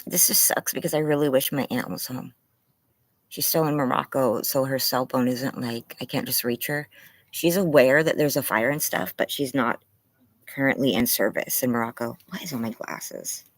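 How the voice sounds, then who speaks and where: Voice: mid-range voice, moderate pace, no echo. A livestreamer chatting casually and apologetically through a face mask, muffled, anxious, with a strained, tired throat. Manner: apologetic, rambling. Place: outdoors in a yard.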